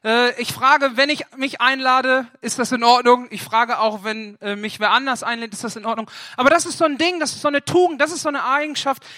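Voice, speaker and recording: Young north guy preaching, jokey storytelling, bright voice, dry close sound. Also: extremely high pitch, brisk, hardly any pauses, no room sound. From northern Germany. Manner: animated storytelling, acts out phone dialogue with a friend. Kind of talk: humorous sermon.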